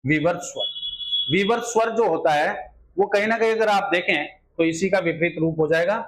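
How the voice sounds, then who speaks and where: A man's voice: high voice, moderate pace, rough recording. A man teaching a Hindi grammar lesson for exam students, repeating filler phrases and asking rhetorical questions as he explains. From India.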